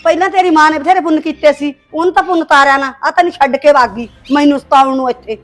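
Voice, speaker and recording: A woman's voice: high voice, fairly even intonation, fast, faint music behind, close to an everyday voice. An actress playing a harsh, nagging stepmother in a village short film, speaking Punjabi with a Punjabi accent. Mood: scolding. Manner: nagging, scolding, sharp-tongued. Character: harsh scolding stepmother, middle-aged village woman.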